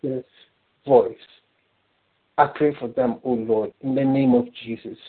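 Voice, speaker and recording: A man's voice: mid-range voice, steady tone, a little slow. A man leading a fervent spoken prayer on a call. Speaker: prayer leader. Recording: tinny phone line.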